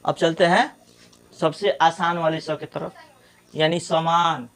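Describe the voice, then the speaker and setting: A middle-aged man with a Bihari Hindi accent teaching pronunciation, saying example words slowly one at a time. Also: fairly high pitch, steady tone, fairly bright tone, slight background noise. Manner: slow, deliberate, repeats example words one by one. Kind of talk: pronunciation lesson.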